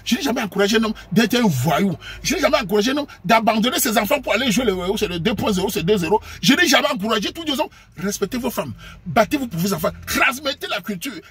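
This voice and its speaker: A man from Cameroon with a Cameroonian French accent, delivering a preachy, scolding monologue to his viewers and sometimes bursting into shouts. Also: sits high, slightly rough. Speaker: online commentator.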